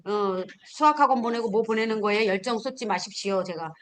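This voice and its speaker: A middle-aged woman teaching a class of future smartphone instructors, animated, acting out learners and firing off questions. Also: a little high, a little fast. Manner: animated, acts out learners and scolding, punchy questions. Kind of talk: lively classroom lecture.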